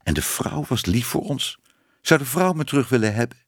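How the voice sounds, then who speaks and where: A man's voice: medium pitch, lively intonation, fairly quick, dry recording, clean studio sound. A man voicing a shy, hesitant young woman who used to be a cat. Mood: pleading. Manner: timid, hesitant.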